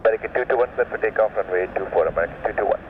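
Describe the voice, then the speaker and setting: A man's voice: on the low side, rapid-fire, distant mic. A man making clipped aviation calls over the radio. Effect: aviation radio transmission. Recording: noisy, narrow radio channel.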